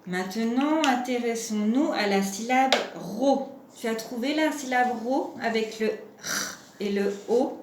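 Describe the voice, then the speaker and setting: A woman teaching young children a home lesson, slow and patient, asking questions and stretching out syllables. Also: on the high side, roomy sound, noisy background. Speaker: preschool teacher.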